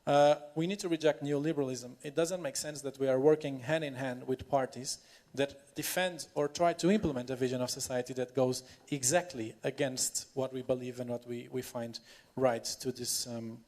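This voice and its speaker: A man speaks at a medium pitch as a political panellist. His delivery is semi-improvised, with repeated words and halting phrases that land on emphatic points. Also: fairly even intonation, a little mellow. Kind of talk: semi-improvised conference speech.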